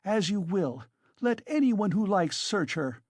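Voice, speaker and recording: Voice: mid-range voice, big pitch swings, a little slow, no room sound, studio quality, pitched above the performer's own voice. A reader voicing a frantic, defiant widow who shrieks and accuses in hysterical fury, as an audiobook character.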